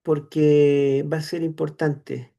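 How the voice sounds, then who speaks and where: A Chilean man lectures on scripture to an online class. His voice sits a little high and has a gravelly edge, and he explains slowly, filling pauses with "eh" and checking in with tag questions. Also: level tone, warm tone. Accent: Chilean Spanish. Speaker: seminary teacher.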